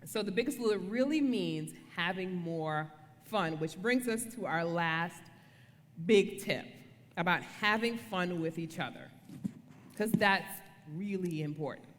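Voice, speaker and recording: A woman's voice: lowish voice, measured pace. A woman giving a casual devotional talk on marriage as co-speaker, conversational and playful, often checking for agreement. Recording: reverberant room.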